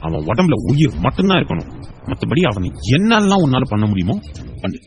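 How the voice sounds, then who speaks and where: Furious protective young man, low seething tone, read by a man. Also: big pitch swings, brisk, slight background noise. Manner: low, tight, seething delivery. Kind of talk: audio drama reading.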